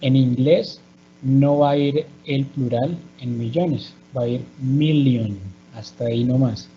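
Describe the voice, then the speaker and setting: Patient bilingual teacher, dull lo-fi sound. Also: male voice, mid-range voice, steady tone, slow pace. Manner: explains patiently, checks in with "okay" and "¿listo?". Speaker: English teacher. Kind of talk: bilingual classroom lesson. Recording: dull lo-fi recording with faint hum.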